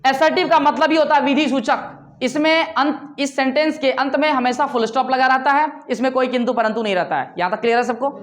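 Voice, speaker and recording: A man with an Indian accent teaching English in a classroom lecture. He speaks English slowly, spelling words out, then explains quickly in Hindi and keeps checking that the students understand. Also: extremely high pitch, fairly bright tone.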